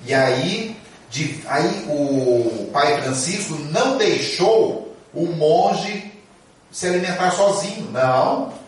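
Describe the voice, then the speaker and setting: Man, storytelling sermon, lively delivery, far from the mic, faint background noise. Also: on the high side. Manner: lively, chatty storyteller with asides to the audience. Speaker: speaker. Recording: echoey hall from far off.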